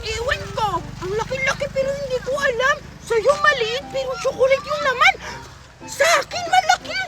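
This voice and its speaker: A woman playing a quarrelsome little girl who whines and shouts at the others. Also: extremely high pitch, normal speed. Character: squabbling, complaining little girl. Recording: loud background music.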